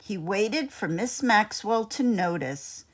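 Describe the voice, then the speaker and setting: A storybook reader, a woman with a medium-pitched voice, narrates a children's story aloud in an expressive, deliberate manner.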